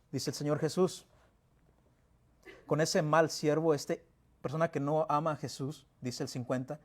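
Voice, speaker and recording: A pastor preaching a sermon in a church, asking rhetorical questions and reading scripture with emphasis. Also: male voice, a little high, darkish tone. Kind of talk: Spanish-language sermon. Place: church sanctuary.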